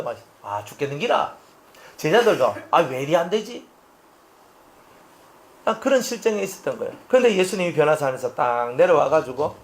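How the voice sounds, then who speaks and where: Pastor preaching, fairly high voice, acts out the story, roomy church echo. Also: male voice. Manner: animated storytelling, acting out scenes. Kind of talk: expository sermon.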